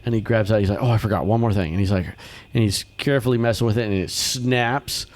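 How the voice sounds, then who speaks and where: A man with a fairly low voice hosts a relaxed conversation about children's ministry. He tells stories with lots of energy and jumps into a higher voice to act out the people he quotes. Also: quick pace. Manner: animated storyteller, acts out quotes in higher voice. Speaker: podcast host, children's ministry. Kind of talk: casual chat.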